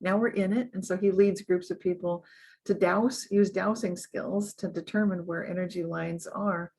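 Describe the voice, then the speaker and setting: A woman guest in an interview, talking earnestly and upbeat, often laughing and growing animated as she gives advice. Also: fairly low pitch, normal speed. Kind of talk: conversational interview.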